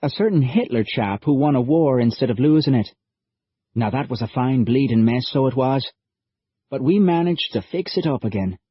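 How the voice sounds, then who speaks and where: A husky-voiced man voicing an earnest young male time-traveller who talks in a lively, folksy way. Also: medium pitch, moderate pace, no echo, pitched above the performer's own voice. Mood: persuasive. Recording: dull lo-fi audiobook recording.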